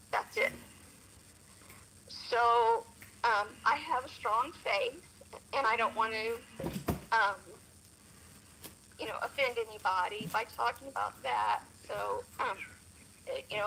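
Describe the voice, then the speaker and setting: A woman calling in by phone, telling a personal story in a soft, apologetic, emotional way. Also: a little high, a little hiss or hum, low-quality recording. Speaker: phone-in caller. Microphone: phone on speaker.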